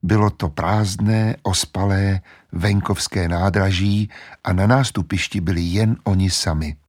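A man narrating a children's story calmly and in a measured way. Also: deep voice. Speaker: audiobook narrator. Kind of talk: scripted narration.

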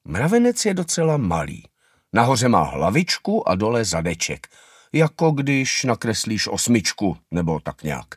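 A man's voice: fairly low pitch, huge pitch swings, breathy edge, no echo, studio quality, exaggerated voice. A man voicing a worried, caring mother anteater in a children's storybook reading. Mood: fretful. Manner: fretful, pleading.

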